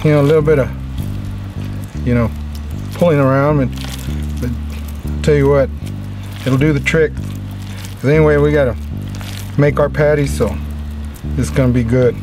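A man's voice: mid-range voice, fairly even intonation, a little slow, pauses often, over music. A middle-aged man, hosting a casual backyard cooking demonstration in a jolly, folksy, chatty manner. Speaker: cooking show host. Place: outdoor backyard grilling area.

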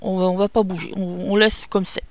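Woman, French accent, patient software tutorial, gravelly, dry close sound. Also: medium pitch, flat delivery, brisk, no echo. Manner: patient, hesitant, many fillers. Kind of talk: screen-recorded photo editing tutorial.

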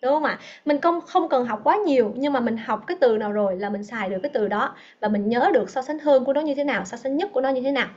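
A high-pitched woman teaches English over a video call, encouraging her learners and slowly repeating each word for them to copy. The audio is dull and lo-fi. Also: expressive, darkish tone. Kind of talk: online class teaching.

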